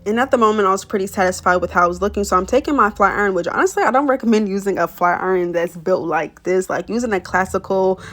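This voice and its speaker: A woman's voice: mid-range voice, quick pace, few pauses, fairly bright tone. A young woman talks through a hair tutorial in a loose, chatty voice-over. She uses plenty of slang and stumbles over a word now and then, then picks right back up. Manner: chatty, slangy, apologizes for stuttering. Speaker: beauty vlogger.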